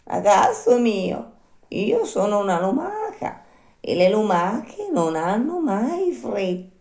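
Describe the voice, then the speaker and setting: Slow drawly snail lady voiced by a woman, chill and unbothered, echoey. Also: medium pitch, voice pushed up. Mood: placid. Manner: slow drawn-out calm speech. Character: unhurried female snail, calm and phlegmatic. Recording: roomy echo.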